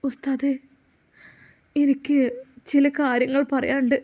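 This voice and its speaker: A woman's voice: sits high, flat delivery, slow, a little mellow. A woman playing a tearful, pleading young woman. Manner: trembling, pleading.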